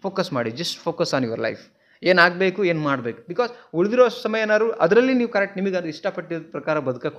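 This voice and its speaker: Earnest higher-voiced male counselor. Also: dull audio. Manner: earnest, repeats points, mixes English words into Kannada. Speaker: relationship counselor. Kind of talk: advice talk to viewers. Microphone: mic in front of him while seated.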